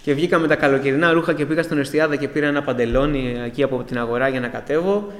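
A man giving an earnest, emotional personal testimony to a church congregation and addressing them as brothers. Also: mid-range voice. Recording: echoey hall with long reverb.

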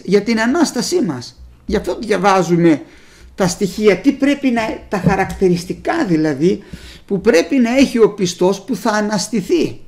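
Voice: medium pitch, creaky, darkish tone. A preacher giving a sermon, reading old scripture aloud and explaining it plainly to the congregation, whom the preacher calls brothers. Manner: speaks directly to the congregation as brothers.

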